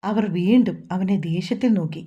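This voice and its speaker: A woman with a Malayalam accent reading a romantic novel aloud as narrator, voicing every character in a fairly even tone. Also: mid-range voice, normal speed, slightly rough. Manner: reads all characters' dialogue in a mostly even voice. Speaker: story narrator.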